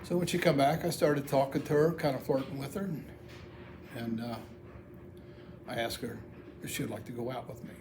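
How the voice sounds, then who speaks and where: A man's voice: mid-range voice, normal speed, pauses often. A middle-aged or older American man tells a personal story in a plain-spoken, folksy, casual monologue. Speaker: amateur video storyteller. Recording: clearly audible background noise.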